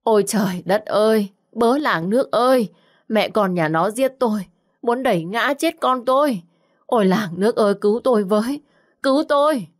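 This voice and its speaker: A woman's voice: medium pitch, normal speed, pitched above the performer's own voice, close to an everyday voice. A woman voicing a scheming pregnant mistress in a village who wails and taunts melodramatically. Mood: wailing.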